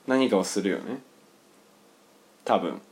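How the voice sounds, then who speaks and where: A man with a somewhat low voice co-hosting a casual podcast. His delivery is lively, his pitch jumping around as he trades jokey, laughing banter with his partner. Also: takes it slowly. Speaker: podcast co-host. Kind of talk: casual chat.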